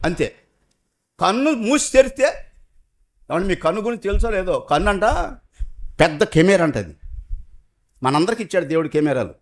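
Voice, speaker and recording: High-voiced emphatic male preacher. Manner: emphatic, rhetorical questions, swings from loud to hushed. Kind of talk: sermon.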